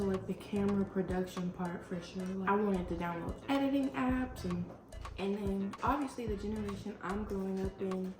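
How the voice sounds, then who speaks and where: A young woman vlogger talking casually and informally, with slang and musing questions to herself, as in a Q&A. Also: mid-range voice. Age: young adult. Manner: informal slangy, muses aloud with rhetorical questions. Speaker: YouTuber. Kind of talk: casual chatty Q&A vlog. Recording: roomy echo, music behind. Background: music.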